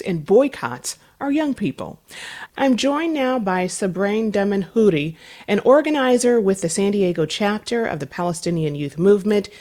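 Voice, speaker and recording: A woman hosting a public radio interview, reading measured, scripted introductions and asking questions. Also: medium pitch, a little mellow. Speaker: radio host.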